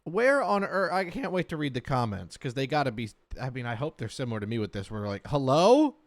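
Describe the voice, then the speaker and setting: A man's voice: medium pitch, lively intonation, quick pace. A man hosting a reaction video, making sarcastic, jokey asides in casual commentary. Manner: jokey, sarcastic asides over a played clip.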